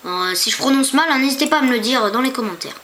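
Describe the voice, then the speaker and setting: A woman's voice: high voice, lively intonation, very fast, a bit bright, slight background noise. A woman giving casual screen-tour commentary for her channel, chatty and hesitant, stumbling over foreign names and asking viewers rhetorical questions. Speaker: YouTuber.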